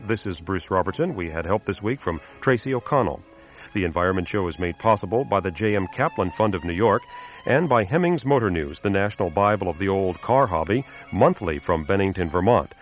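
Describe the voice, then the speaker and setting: A man with a fairly low voice, a radio show host and reporter, presents an environment program. He reads scripted narration in a measured, announcer-like manner and puts careful questions to his guests in interview.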